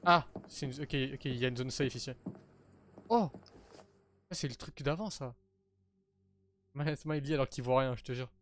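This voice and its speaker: A male streamer giving excitable, slangy gaming commentary to his viewers, swearing now and then. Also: medium pitch, normal speed, pauses often.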